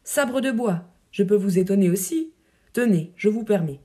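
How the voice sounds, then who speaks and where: A woman voicing an aging male poet-soldier, proud and teasing but secretly dying, reading verse drama with a gently mocking, lyrical delivery. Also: medium pitch, moderate pace, natural voice. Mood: wry.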